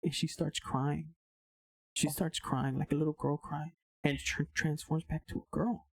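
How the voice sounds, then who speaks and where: Over crowd noise, a male podcast guest spins a story in relaxed chat, full of energy, frequent curses and Spanish slang. He speaks unhurriedly in a fairly high, gravelly voice.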